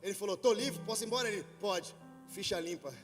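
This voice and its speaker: A male pastor with a Brazilian Portuguese accent preaching a sermon, telling a story quietly and then building to shouted preaching. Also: high voice, fast. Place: church hall with worship band. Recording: long hall reverb with faint music.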